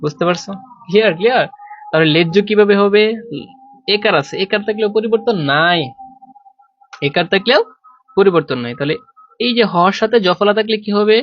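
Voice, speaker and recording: A man teaches an online grammar lesson, keeps checking whether his students understand, and repeats the key rule. His voice sits a little high. The recording sounds dull and lo-fi. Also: no room sound. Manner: drills students with repeated questions.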